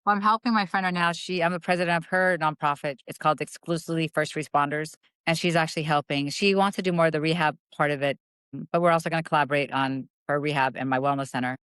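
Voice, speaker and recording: A middle-aged woman, a retired police officer from Southern California, telling personal stories as a guest in a conversational interview, animated and acting out voices. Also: low voice, quick pace, clean tone, no echo. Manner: animated storytelling, acts out voices.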